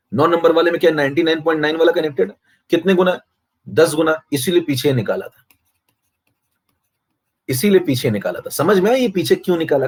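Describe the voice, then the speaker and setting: A male chemistry teacher streaming a live online class. He speaks in a slightly high voice, keeps asking the students whether they follow, and brags about his methods. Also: slightly rough.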